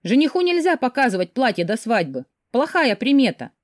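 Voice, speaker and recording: A woman reading an audiobook, voicing a nosy, insistent older sister with a loud, pushy manner. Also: on the high side, sing-song, brisk, no room sound, clean studio sound, voice pushed up. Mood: bossy.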